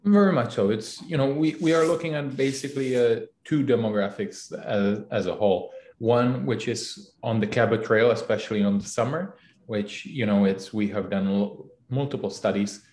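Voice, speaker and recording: Man from the Republic, halting, in an echoey room. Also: mid-range voice, darkish tone. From Czech Republic. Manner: halting, many fillers and restarts. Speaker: CEO guest. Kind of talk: casual interview answers.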